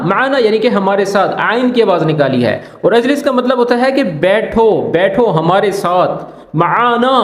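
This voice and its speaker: Man, Arabic teacher, high voice, casual lesson, echoey room, repeats phrases slowly. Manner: repeats phrases slowly, asks "ٹھیک ہے نا?" often. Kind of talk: casual language lesson explaining drama lines.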